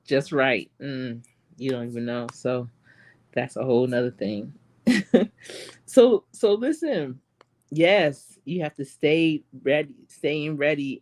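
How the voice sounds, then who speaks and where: A middle-aged woman with a Charlotte accent and a deep voice works as a life coach. She chats casually with her live stream viewers, telling stories in an animated way and laughing often.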